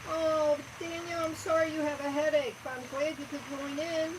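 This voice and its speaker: High-pitched female co-host, short friendly asides, heavy outdoor noise with crickets. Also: flat delivery, moderate pace. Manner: brief friendly interjections. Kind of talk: casual live chat.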